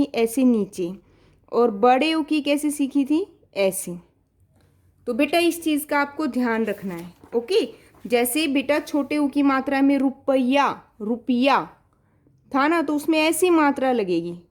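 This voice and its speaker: A woman's voice: high voice, lively intonation, slow pace, darkish tone. A woman teaching an online Hindi class to young children, patient and coaxing, mixing English words in and drawing dictation words out syllable by syllable. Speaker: primary school Hindi teacher.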